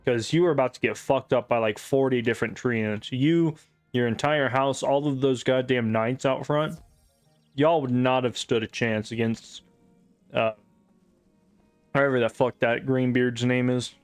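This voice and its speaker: A man's voice: mid-range voice, steady tone, a little slow, no echo, faint music behind. A man giving casual, rambling gameplay commentary, sarcastic and full of swearing. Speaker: gamer.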